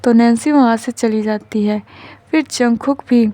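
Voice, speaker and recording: A woman's voice: a little high, moderate pace, mellow, dry recording. A woman retelling a romance fan story in a casual storybook narration, mixing in English words.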